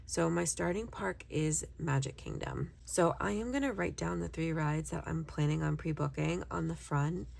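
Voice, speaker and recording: A young woman, a little hoarse, chatting casually to viewers while working on a trip planner. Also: low voice, normal speed, hardly any pauses, a little mellow. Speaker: vlogger.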